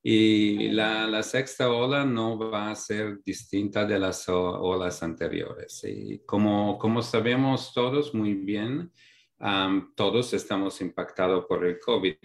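A middle-aged European man, an academic guest who researches migration, gives explanatory interview answers in a language that isn't his first. His fairly low voice is measured and thoughtful, and he explains slowly, pausing on fillers and restarting phrases as he works toward each point.

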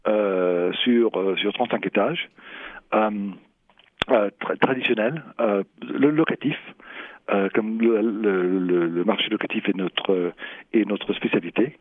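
A man in answers interview questions haltingly, searching for words and repeating himself. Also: fairly low pitch, no echo. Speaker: property developer, executive interviewee. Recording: thin phone-like sound.

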